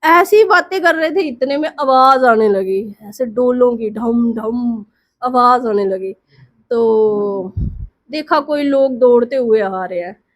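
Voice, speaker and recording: A woman's voice: fairly high pitch, takes it slowly. A woman telling a story in a chatty, casual way, often checking in with her listeners.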